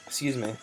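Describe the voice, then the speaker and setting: A man's voice: bright, forceful tone, low-quality recording. Mumbling guy thinking aloud through a match. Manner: mumbled, hesitant, lots of ums and self-corrections. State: voice cracking. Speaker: competitive game player. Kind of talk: thinking-aloud gameplay commentary.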